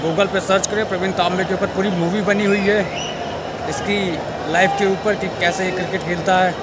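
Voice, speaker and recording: A man's voice: sits high, little pitch movement, fairly quick, very noisy. A young man in his twenties vlogging casually from the stands of an outdoor cricket stadium, phone held at arm's length, teasing and chatty. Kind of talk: casual vlog commentary. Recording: loud crowd and stadium music. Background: loud crowd and loud music.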